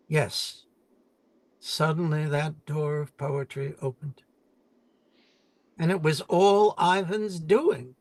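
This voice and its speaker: An older man giving a solemn, deliberate reading of memorial poetry with dramatic emphasis. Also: fairly high pitch, vocal fry, a little mellow, breathy edge, no echo. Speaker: poet.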